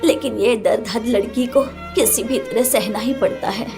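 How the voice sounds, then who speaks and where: A gentle old grandmother, voiced by a woman, speaks softly and wearily. Music plays behind the dubbed scene. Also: fairly high pitch, normal speed, creaky. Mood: worried. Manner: soft, pleading, gentle. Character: older grandmother, gentle and weary. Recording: music playing under dialogue.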